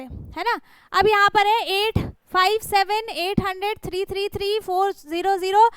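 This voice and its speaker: High-voiced woman teaching maths. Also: fairly bright tone, no echo. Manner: checks in often with rhetorical "right?" questions; speaks directly to students, patient and encouraging. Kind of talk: step-by-step classroom explanation.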